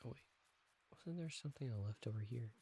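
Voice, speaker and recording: A man giving casual, quiet gameplay commentary, thinking aloud as he plays. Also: medium pitch, lively intonation, fairly quick, a little hiss or hum. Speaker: gameplay host.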